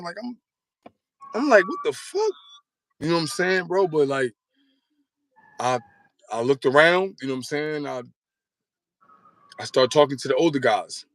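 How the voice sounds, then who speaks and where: A man's voice: a little high, a bit bright, a little hiss or hum. A man in his thirties telling his story as an interview guest, rambling in slangy street talk and often asking if you follow. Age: 30s. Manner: rambling, repeats "you know what I'm saying".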